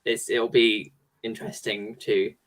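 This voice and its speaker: Male co-host for a casual panel chat, bright tone, eager and fast in bursts. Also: on the low side, little pitch movement, rough recording. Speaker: podcast co-host.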